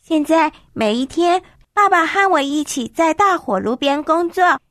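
A woman reading a children's story aloud in a gentle, expressive way. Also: sits high, a little slow, dry recording.

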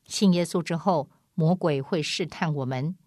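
A woman's voice: low-pitched, moderate pace, dark tone, dry recording, clean studio sound. A woman preaching an evangelistic sermon in an emphatic, repetitive way, often acting out a back-and-forth with a doubting listener.

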